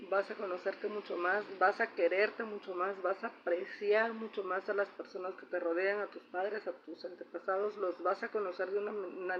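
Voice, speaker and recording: A Mexican woman in middle age chats about her family in a personal vlog of reflections, her voice sitting in the mid range. She tends to cap her sentences with a questioning "¿no?", heard through a slightly dull recording carrying faint noise.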